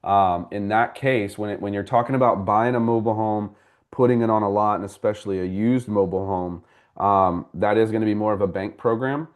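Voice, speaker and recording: A man with a fairly low voice leads a live class on buying a home. He works through audience questions one by one in a relaxed, conversational way, calling people by name as he explains. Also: fairly quick. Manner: conversational, explains step by step and addresses viewers by name. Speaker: mortgage broker and class host.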